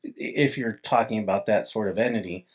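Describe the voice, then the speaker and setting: A man's voice: fairly low pitch, brisk. A man hosting an interview in a casual, conversational way. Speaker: interview host.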